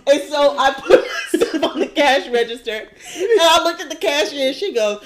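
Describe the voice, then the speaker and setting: A woman co-hosting a podcast, telling a story in a casual chat and breaking into loud laughter. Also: high voice, expressive, moderate pace, crowd noise. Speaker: podcast co-host.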